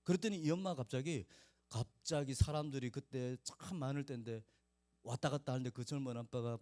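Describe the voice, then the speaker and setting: A man's voice: mid-range voice, fairly quick, warm tone. A male pastor preaching a storytelling sermon in a conversational way, speaking directly to the children in his congregation by name.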